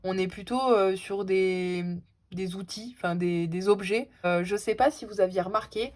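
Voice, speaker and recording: A woman's voice: mid-range voice, moderate pace. A woman giving casual, chatty commentary as she opens trading card packs, with frequent hesitations and fillers. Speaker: card-opening vlogger.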